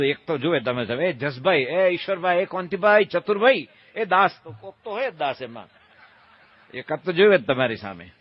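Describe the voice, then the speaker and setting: A man giving a humorous sermon as a monk, telling a folksy story and acting out shouted calls and quoted voices. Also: mid-range voice, no room sound, highs cut off. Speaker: monk giving a religious discourse.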